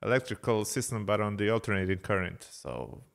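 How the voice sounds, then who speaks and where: A man hosting a casual interview, friendly and agreeable, chiming in with quick interjections. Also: on the low side, big pitch swings, creaky, fairly bright tone. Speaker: host.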